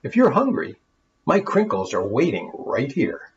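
A man doing a high, cheerful little gnome girl. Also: wildly swooping pitch, measured pace, recorded from a distance, heavily acted. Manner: bright, fearless and friendly. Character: cheerful brave young female gnome girl. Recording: dull lo-fi with faint noise.

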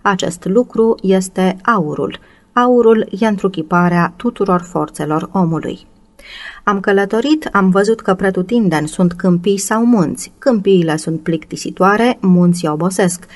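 A woman reading the part of a cold, cynical old male moneylender in an audiobook, in a measured, calm manner. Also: mid-range voice, lightly acted.

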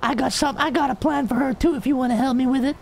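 A man voicing an unhinged, hot-tempered, gullible clown menace in game role-play, stammering and sputtering excitedly. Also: very high voice, quick pace, vocal fry, exaggerated voice. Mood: scheming menace.

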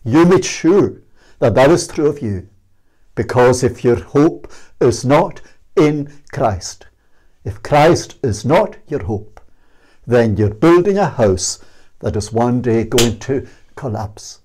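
Older man, Scottish accent, slow sermon, earnest questions, small plain room. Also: medium pitch, expressive, darkish tone. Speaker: minister. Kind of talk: sermon and closing prayer. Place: small indoor room against a plain wall. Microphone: fixed camera at medium distance.

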